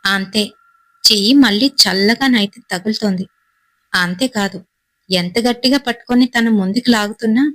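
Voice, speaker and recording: A woman narrating a horror story in a steady, suspenseful storytelling manner, in short phrases. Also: mid-range voice, no room sound, rough recording.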